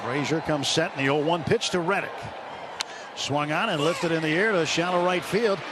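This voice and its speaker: His voice is a little high and moves at a moderate pace as he gives live baseball commentary on radio from a stadium booth. Folksy, colorful phrasing marks his call, backed by loud crowd noise and a roaring stadium.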